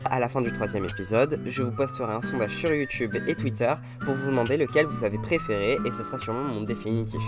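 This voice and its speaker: A young man narrating his own gameplay in an upbeat, self-mocking voice-over. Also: medium pitch. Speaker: gaming YouTuber. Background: game music.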